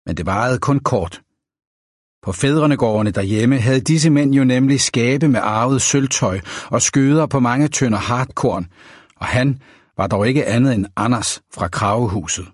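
A man reading a novel aloud as an audiobook narrator, in a measured, even storytelling manner. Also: mid-range voice, dry recording, studio quality.

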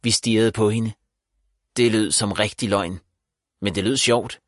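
A man narrating a children's story as an audiobook, in a calm, even storytelling manner. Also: lowish voice, no echo. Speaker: audiobook reader. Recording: dry close voice.

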